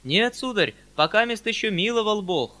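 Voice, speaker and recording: A man voicing a crowd of humble old-time peasants who wail and implore in a drawn-out way. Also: high voice, animated, pushed and bright, pitched above the performer's own voice. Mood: plaintive.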